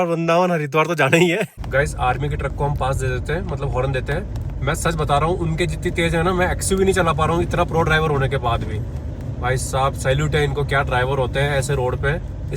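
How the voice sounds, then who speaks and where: An eager male travel vlogger narrates from inside a car, chatty and keyed up. His voice sits slightly high and he is a bit out of breath from the altitude. A faint drone of the vehicle runs underneath. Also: noisy background. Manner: excited, chatty, addresses viewers as friends. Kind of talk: travel vlog narration while driving. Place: inside a car on a mountain road.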